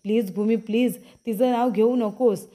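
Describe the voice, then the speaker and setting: A young husband from a TV serial coaxes his wife to calm down, as a woman narrator voices him. The voice is a little high and warm. He repeats his pleas in a soothing way. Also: moderate pace, close to an everyday voice.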